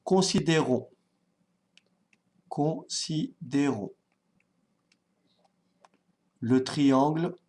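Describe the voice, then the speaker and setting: Male maths teacher, slow and calm, patient, checks in with his students as he works. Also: on the high side. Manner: calm, patient, thinks aloud while writing; talks directly to students, checks they follow. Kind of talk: online exam-prep lesson.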